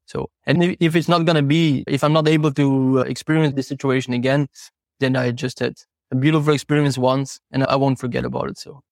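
This horse trainer, a non-native English speaker guesting on a podcast, uses personal anecdotes and rhetorical questions to make his points, sounding earnest and reflective. His mid-range voice is slightly mellow with some vocal fry, delivered flatly and briskly. The audio is studio quality and echo-free.

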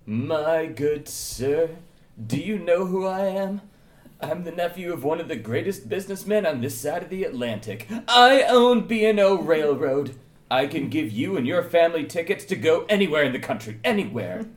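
Pompous rich heir voiced by a man, theatrical and pleading, highish and very animated. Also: normal speed, close to an everyday voice. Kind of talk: amateur script read-through.

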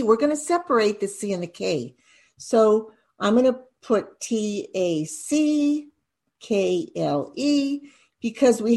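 A woman teaching a phonics lesson, speaking slowly and deliberately and repeating each step aloud as she writes and draws. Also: fairly high pitch, a little mellow. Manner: slow, deliberate, repeats steps aloud while drawing.

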